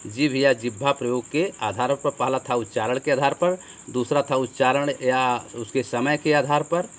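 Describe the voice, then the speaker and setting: A man's voice: mid-range voice, normal speed. Hindi teacher man explaining grammar. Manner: explanatory, repeats with "ठीक है" and rhetorical questions. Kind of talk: classroom lesson on a board.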